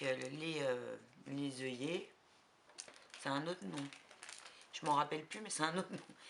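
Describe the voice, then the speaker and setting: Slow, bright-voiced woman with a cold. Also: low-pitched, a little hiss or hum. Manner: unhurried, hesitant, many fillers. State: slight cold. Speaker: crafting vlogger. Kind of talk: casual haul chat.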